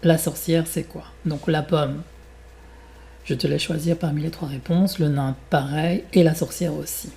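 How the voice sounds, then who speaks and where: Gravelly-voiced French teacher. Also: male voice, a little high, steady tone, warm tone. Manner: slow, deliberate, teacherly. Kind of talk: reading a tale and leading exercises.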